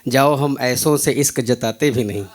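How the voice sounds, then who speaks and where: A guest poet with a Hindi accent reciting shayari at an open mic, repeating each line. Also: male voice, mid-range voice, moderate pace. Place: open mic event venue.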